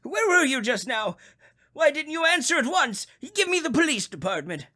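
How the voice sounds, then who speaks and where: A man's voice: extremely high pitch, sing-song, normal speed, pushed and bright, full character voice. An actor playing a crotchety, panicky old invalid man in an old radio thriller, stammering and fretful in a melodramatic way. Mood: frantic, demanding. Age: older.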